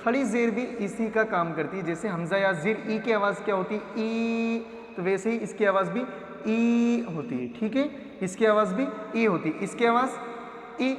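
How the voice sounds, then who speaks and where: A man with a high-pitched voice leads a patient reading lesson, drawing out each letter sound as he demonstrates it. He stops often to check that his students follow. His voice rings through a roomy space with a long echo. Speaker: teacher. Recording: echoey room with long reverb.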